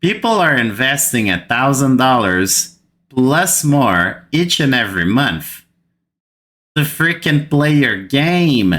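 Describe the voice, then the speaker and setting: A slightly bright, medium-pitched male voice belongs to a Portuguese-speaking Brazilian who runs a gaming channel. He rants to camera in exasperation, with a Brazilian accent, doubling up words to make his point.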